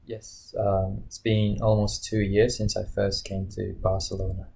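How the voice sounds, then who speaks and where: A young man of twenty-one explains things hesitantly, leaning on fillers. His voice is low, flat and mellow, with faint noise behind it. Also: a little slow, vocal fry. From Japan. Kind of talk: casual interview answers.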